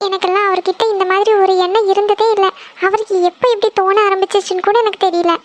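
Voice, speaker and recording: A woman's voice: extremely high pitch, little pitch movement, fast, dry recording. A woman voicing a burdened, stubborn young eldest daughter in a cartoon, speaking earnestly and firmly. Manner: earnest, firm. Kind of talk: cartoon voice acting.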